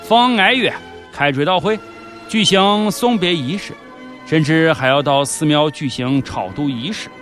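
A man hosting scripted comedic news commentary speaks with a Shaanxi accent in a little-high, fairly bright voice at a measured pace. His delivery is sardonic and mock-serious, with background music beneath it.

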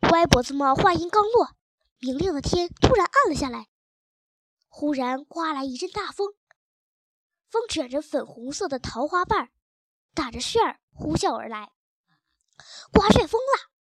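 High-voiced woman reading a children's story. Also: normal speed, pauses often, no echo. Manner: lively expressive reading. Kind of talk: children's story narration, first-person cat.

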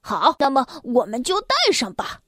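A woman's voice: high-pitched, sing-song, moderate pace, no echo, studio quality. A woman voicing a chatterbox man. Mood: excited. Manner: rambling, breathless chatter. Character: chatty excitable man who never stops talking. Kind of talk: storybook reading.

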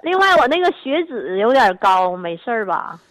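A man's voice: sits high, sing-song, moderate pace, fairly bright tone, low-quality recording. A man calling a health programme, casually asking questions about his own ailments and giving short replies. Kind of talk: casual question-and-answer on a call.

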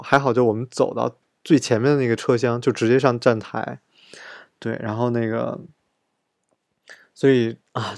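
A man recounts a trip in a loose, chatty monologue, voicing the lines he and others said. His mid-pitched voice carries a gravelly fry. The recording is dry and close, with no room sound. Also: dry recording. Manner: chatty, retells scenes with quoted dialogue. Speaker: travel vlogger. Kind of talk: casual storytelling monologue.

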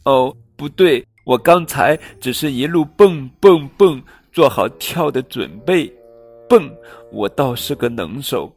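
A man's voice: medium pitch, expressive, slow, husky, soft background music, voice pushed up, heavily acted. A man voicing a glum, self-doubting young kangaroo who talks in a tearful, whiny way. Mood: fretful.

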